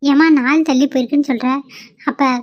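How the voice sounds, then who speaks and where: A woman's voice: sits high, fairly even intonation, a little fast, dry recording, close to an everyday voice. A woman voicing a caring, consoling middle-aged mother-in-law in a cartoon, on a dull lo-fi recording. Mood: soothing. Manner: soothing, consoling.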